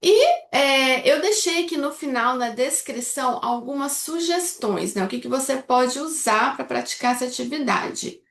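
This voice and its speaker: A woman from Brazil with a high voice teaches an online lesson, walking through steps one at a time and pausing often to check that the viewer follows. Her voice bounces a little off the walls of an echoey room. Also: expressive, gravelly. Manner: explains step by step with frequent checks like "tá?" and "certo?". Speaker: English teacher. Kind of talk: instructional video lesson.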